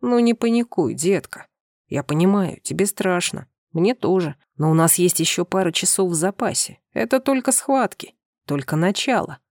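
Woman doing a soft-spoken alien husband. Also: animated, moderate pace, no room sound, studio quality. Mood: soothing. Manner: soft, reassuring, lowered voice. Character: calm eared alien husband, gentle and soothing. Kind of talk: audiobook character voice.

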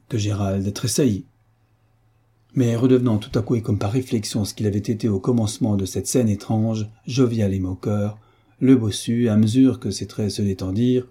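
A man reading a classic novel aloud as an audiobook, in a measured literary narration with a husky voice. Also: fairly low pitch, mellow. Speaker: audiobook reader. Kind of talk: scripted narration.

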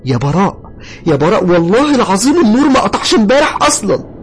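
A man voicing a worried young new bride with an Egyptian accent, pleading and high-strung in a spoken horror story. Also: racing, vocal fry, a little mellow, faint music behind, lightly acted. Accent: Egyptian Arabic.

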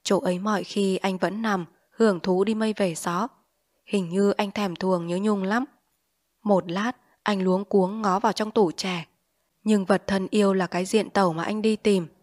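A woman reading a short story aloud as audiobook narrator, with steady, expressive storytelling. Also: medium pitch.

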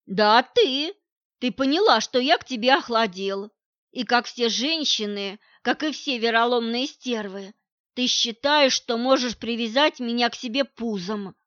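A woman's voice: fairly high pitch, a little slow, fairly bright tone, dry recording. A woman reading as a scornful, cold man. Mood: cold contempt. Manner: harsh, cutting, accusing. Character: scornful man, cold toward his pregnant partner. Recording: dull lo-fi recording.

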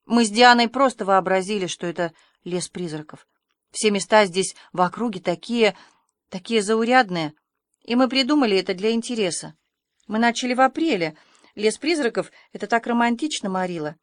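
A woman's voice: mid-range voice, expressive, normal speed, no room sound, natural voice. A woman reading the part of an imaginative, chatty orphan girl who pours out her thoughts in long, effusive runs. The sound is close and dry. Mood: spooked. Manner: breathless, effusive storytelling.

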